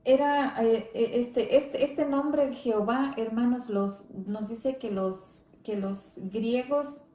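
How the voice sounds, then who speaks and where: A woman leading a church Bible study, speaking slowly and reverently, often adding amén and gloria a Dios. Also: on the high side, warm tone, reverberant. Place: church hall.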